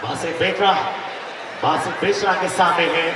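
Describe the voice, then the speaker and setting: A man shouting live football commentary and crowd announcements at an outdoor ground, heard over loudspeakers. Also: high voice, normal speed, background noise. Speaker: match commentator. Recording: echoey loudspeaker sound from far off.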